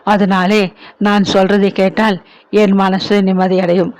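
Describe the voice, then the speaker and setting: A man voicing a young wife who gently persuades her husband. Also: high-pitched, little pitch movement, unhurried, no room sound. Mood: persuasive. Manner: gently insistent.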